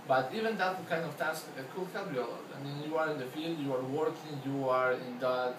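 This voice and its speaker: This interview features a young Ecuadorian-accented student speaking in a medium pitch, stumbling through answers with many fillers and restarts. The recording is echoey and noisy, with the mic set far from him.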